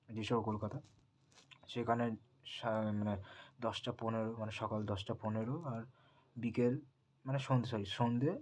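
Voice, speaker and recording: A young man, chatting casually at home and keeping his voice low on purpose, with many fillers. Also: a little hiss or hum. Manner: speaks softly on purpose, many fillers, mixes English into Bengali. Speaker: film box office vlogger. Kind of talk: casual chat.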